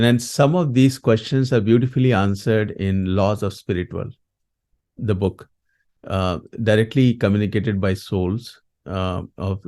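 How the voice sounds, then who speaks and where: A man with an Indian accent speaking as a grief coach in an interview, explaining in a halting, reflective way with frequent small tag words. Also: sits low, mellow. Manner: halting, reflective, often adds "you know" and "right".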